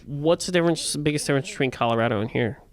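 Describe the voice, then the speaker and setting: A man hosting a podcast, asking quick questions in a jokey, playful way. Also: mid-range voice. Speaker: podcast host. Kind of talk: casual podcast interview.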